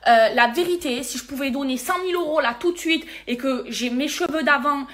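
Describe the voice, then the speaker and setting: A high-voiced woman vents to her followers in an irritated, emphatic rush. She repeats words and oaths to press every point, talking straight into a phone held close in a casual vlog. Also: a little fast, a bit bright. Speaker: social media personality.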